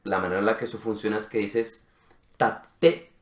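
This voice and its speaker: A man co-hosting a language lesson, explaining step by step in casual conversation and often checking in with a quick question. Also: on the low side, flat delivery. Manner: methodical, checks in with frequent "¿sí?". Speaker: co-host of a language channel. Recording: roomy echo.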